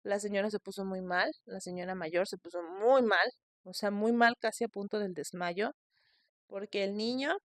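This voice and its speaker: Female podcast host, expressive storyteller, dry booth sound. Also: medium pitch, normal speed, dry recording. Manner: animated retelling with quoted voices.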